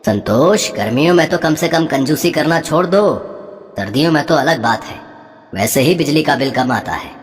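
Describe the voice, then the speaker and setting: A woman voicing a calm, easygoing middle-aged husband who reasons with his wife in a cartoon story. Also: low-pitched, normal speed, faint music behind. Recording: long reverb.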